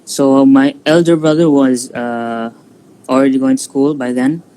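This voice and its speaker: Indonesian student, halting casual storytelling. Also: male voice, mid-range voice, steady tone, mellow, poor audio. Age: 20s. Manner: halting, frequent fillers and restarts. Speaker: student guest. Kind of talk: casual interview over a live stream.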